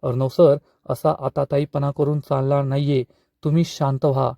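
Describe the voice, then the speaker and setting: A man voicing a gentle young woman who pleads and tries to calm someone down. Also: medium pitch, normal speed, creaky, no room sound, clean studio sound, close to an everyday voice. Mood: pleading. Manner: pleading, soothing.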